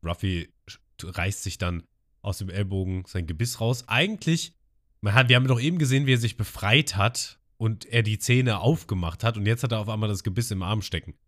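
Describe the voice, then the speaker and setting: A man co-hosting a podcast, casually retelling an anime episode with lively storytelling. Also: on the low side, a little fast. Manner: lively storytelling, laughs often. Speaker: podcast co-host.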